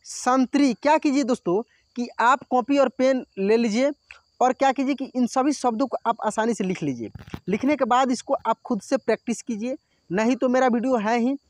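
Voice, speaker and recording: A man teaching Hindi reading, drawing out each word slowly and often checking that the learner follows. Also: very high-pitched, a little mellow, no echo. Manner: drawn-out word pronunciation, frequent checking "theek hai". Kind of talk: slow spoken reading lesson.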